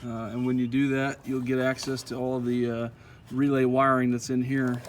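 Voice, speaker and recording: Outdoors with his truck, a man demonstrates an install in a casual, folksy way, frequently saying "uh." His mid-range voice keeps a moderate pace, with a little hiss or hum on the recording.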